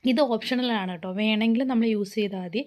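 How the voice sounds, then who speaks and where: A woman from Kerala, hoarse from a cough, explaining a home remedy step by step in a chatty, reassuring way. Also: mid-range voice, quick pace, darkish tone. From Kerala, India. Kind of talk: casual home tutorial.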